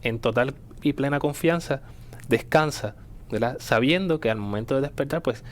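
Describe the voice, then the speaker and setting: A man with a middle-pitched voice talks loosely on a radio show, reflecting on faith. He strings thoughts together with many fillers and short chuckles. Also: normal speed. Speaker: radio co-host. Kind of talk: casual reflective radio talk.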